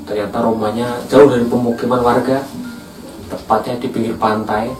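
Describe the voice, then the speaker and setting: A man's voice: medium pitch, little pitch movement, moderate pace, a little mellow, distant mic. Chatty man telling a horror story. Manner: chatty, addresses listeners as guys. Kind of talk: casual horror story narration. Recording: echoey room, off-mic, music behind.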